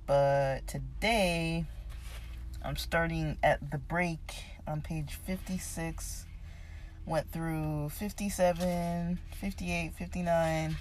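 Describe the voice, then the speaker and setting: Casual book reflection, voice giving out, unhurried and hesitant delivery, some background noise on a phone recording. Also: mid-range voice, fairly even intonation. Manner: hesitant, halting, thinking aloud. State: losing voice, voice giving out. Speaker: reader discussing a self-help book.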